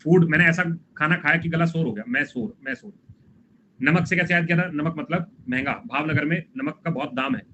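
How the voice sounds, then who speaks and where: A man teaching a live online exam-prep class, drilling quick memory tricks and coaxing his students along. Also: fairly high pitch, lively intonation, sharp tone. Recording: dull lo-fi stream audio with faint noise.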